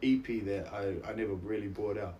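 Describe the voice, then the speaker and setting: A man's voice: fairly low pitch, brisk, warm tone, a little hiss or hum. A man around his thirties with a broad New Zealand accent, chatting casually as an interview guest in a laid-back, slangy, self-deprecating way. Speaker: interview guest, actor and musician. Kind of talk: casual chat, anecdotes.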